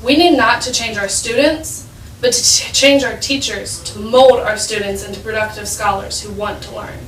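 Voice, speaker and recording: An earnest teenage girl with a fairly high voice gives a persuasive speech and drives her points home with repetition. She is recorded from a distance in an echoey room with faint noise behind her. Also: normal speed. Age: late teens. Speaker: high school student speaker. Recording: echoey room, mic far off.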